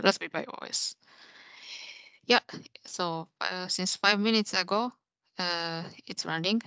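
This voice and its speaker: On a video call from a small room, a young woman runs a live software demo, explaining each step. Her lowish voice is bright, forceful, clear and resonant. There's no room sound, though the recording quality is low.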